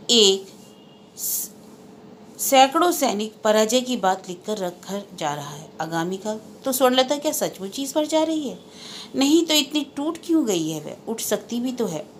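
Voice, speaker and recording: Woman narrator, audiobook novel reading, measured, literary, mid pitch, faint background hiss.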